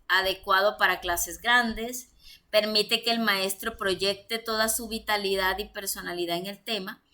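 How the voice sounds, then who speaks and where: A woman's voice: mid-range voice, pushed and bright. A woman with a Colombian Spanish accent teaching a church lesson, reading points aloud and then explaining them with fillers.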